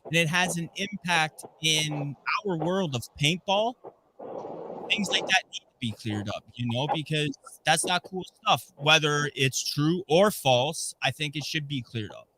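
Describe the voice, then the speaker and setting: A man's voice: fairly high pitch, measured pace, noisy background. A man from Canada, a podcast guest on a remote call, talking emphatically and promoting upcoming events. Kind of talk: casual chat.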